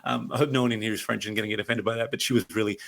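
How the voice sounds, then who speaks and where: A man's voice: lowish voice, steady tone, racing, vocal fry, background noise. An Australian man presenting a leadership workshop over a video call, chatty and anecdotal, often laughing. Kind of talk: interactive online workshop talk.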